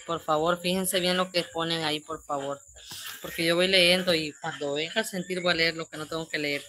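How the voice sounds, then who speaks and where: A woman's voice: low-pitched, steady tone, a little fast, pushed and bright. A woman with a Salvadoran accent hosting a live stream, reading viewer comments aloud and answering each one with pet names. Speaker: livestream host.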